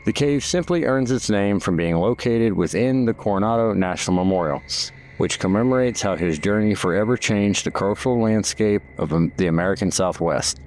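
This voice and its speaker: Male narrator for a guided-tour documentary: fairly low voice, formal scripted read. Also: brisk, darkish tone, a little hiss or hum, poor audio.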